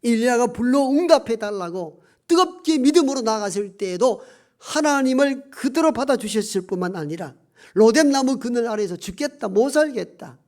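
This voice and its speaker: Pastor, sermon, mid-pitched voice, emphatic then hushed, slow stress on key phrases. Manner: swings between emphatic raised lines and hushed near-whispers.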